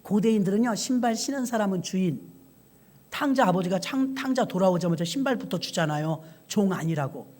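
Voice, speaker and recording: A woman's voice: mid-range voice, fairly quick. A woman pastor preaching a sermon, telling stories and speaking directly to the congregation. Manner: lively storytelling, addresses congregation directly.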